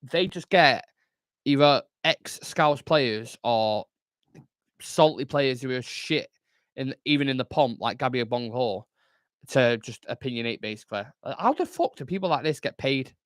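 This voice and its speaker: A man's voice: mid-range voice, animated, normal speed, fairly bright tone, no room sound, studio quality. A young man, hosting a live football watchalong, chatting casually, swearing freely and answering viewers. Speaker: fan channel host.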